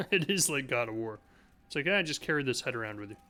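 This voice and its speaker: A man's voice: medium pitch, animated, quick pace, pushed and bright. A man giving casual, playful gameplay commentary, chatting away to himself as he hosts. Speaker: gaming video host. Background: game music.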